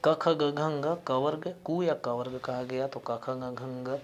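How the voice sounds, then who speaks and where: A man teaching a grammar lesson, explaining slowly and deliberately and spelling out individual sounds one by one. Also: medium pitch, fairly even intonation, slight background noise. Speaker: Sanskrit teacher.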